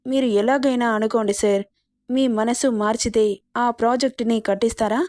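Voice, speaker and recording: A woman's voice: on the high side, fairly even intonation, brisk, a little mellow, no echo, clean studio sound, close to an everyday voice. A woman voicing a defiant young heroine who pleads earnestly and indignantly with her boss in a romance story.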